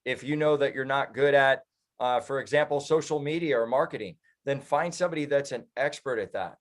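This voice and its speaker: A man from the United States with a medium-pitched voice talks briskly as an interview guest. A political activist and professional speaker, he gives earnest, speechifying political commentary in a conversational way, with an American accent.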